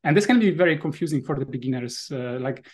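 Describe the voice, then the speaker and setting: A guest on a video call, this Polish man in his thirties builds a VR sailing app and talks in a Polish accent through casual interview answers. His fairly high voice is expressive, quick, darkish and slightly rough, and he explains carefully while often filling and restarting.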